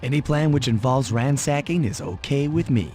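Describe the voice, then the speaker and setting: A man's voice: mid-range voice, normal speed, warm tone, natural voice. Man playing Sly Cooper, suave raccoon thief. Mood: easygoing, confident.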